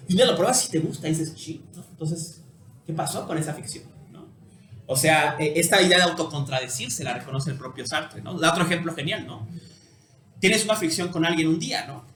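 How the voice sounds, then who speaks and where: A man with a Mexican Spanish accent giving a philosophy lecture in an animated way, ending many phrases with tag questions. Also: on the high side, brisk. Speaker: philosophy teacher. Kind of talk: university lecture. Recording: echoey room with faint noise.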